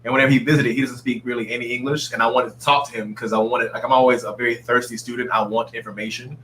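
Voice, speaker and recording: A Saudi man with a bright, forward, medium-pitched voice appears as a guest dancer in a casual interview. He tells stories animatedly and readily acts out what others said. The audio is poor, with a faint hum in the background.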